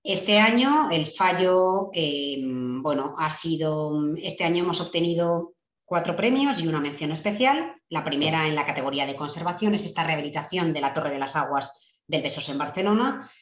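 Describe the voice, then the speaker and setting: A woman's voice: low voice, lively intonation, normal speed, echoey room. A woman giving an online conference talk over a video call, hesitant with many fillers. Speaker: director general giving a keynote talk.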